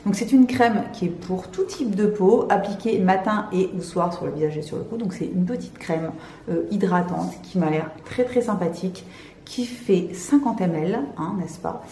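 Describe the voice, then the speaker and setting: Woman, vlogger, chatty, excitable, casual unboxing talk, echoey room, faint noise. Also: on the low side, moderate pace. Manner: chatty and excitable, many fillers. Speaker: beauty vlogger. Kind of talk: casual product unboxing chat. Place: room at home, cats nearby.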